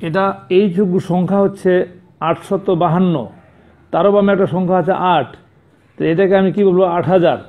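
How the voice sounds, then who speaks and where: A man's voice: sits high, fairly even intonation, a little fast. A man teaching a math lesson to young pupils, patient and repetitive, stopping to correct how numbers are said and spelled. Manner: patient, repeats and corrects pronunciation. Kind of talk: classroom lesson. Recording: tinny phone-like sound.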